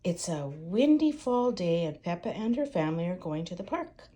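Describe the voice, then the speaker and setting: A woman's voice: lowish voice, moderate pace. Older woman, a grandmother reading a storybook aloud. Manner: expressive, talking directly to young children. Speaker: grandmother reading a picture book to children. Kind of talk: warm storybook read-aloud with chatty asides.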